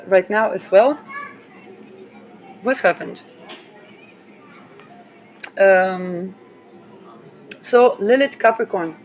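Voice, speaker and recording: A woman hosting an astrology channel who talks in a rambling, digressive way, with playful asides and frequent fillers. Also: medium pitch. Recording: dull lo-fi audio with vehicle noise.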